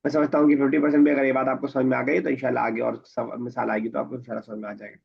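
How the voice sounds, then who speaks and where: A man's voice: medium pitch, little pitch movement, rapid-fire, gravelly, husky. A man teaching an Arabic grammar class, patiently explaining and quizzing his students. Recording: dull lo-fi recording.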